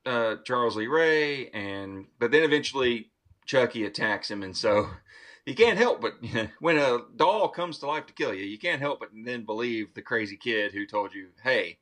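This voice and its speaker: Man, podcast host, casual film chat, enthusiastic, swears freely, mid-pitched voice. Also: expressive, normal speed, fairly bright tone. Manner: enthusiastic, profane, retells scenes. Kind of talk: casual movie review chat.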